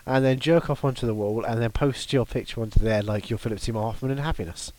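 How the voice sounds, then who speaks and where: A man's voice: mid-range voice, fast talker, darkish tone. A man co-hosting a podcast, joking and riffing in casual chat. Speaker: podcast co-host.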